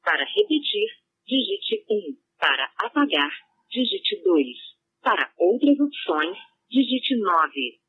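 A woman voicing an automated voicemail system, with a flat, mechanical delivery. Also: medium pitch, takes it slowly, long pauses, husky, exaggerated voice. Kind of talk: automated phone menu. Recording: tinny phone line.

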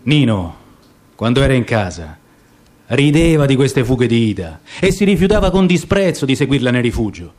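As narrator of a radio theatre piece, a man gives a dramatic, theatrical reading of literary prose. His storytelling is expressive, delivered at a medium pitch and moderate pace.

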